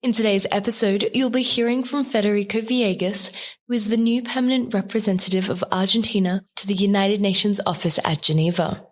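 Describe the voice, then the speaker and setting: A woman with a mid-range voice reads a friendly scripted introduction to a podcast episode. Her delivery is smooth and prepared, as she presents the guest. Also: medium pitch, steady tone, brisk. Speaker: podcast producer, host of intro.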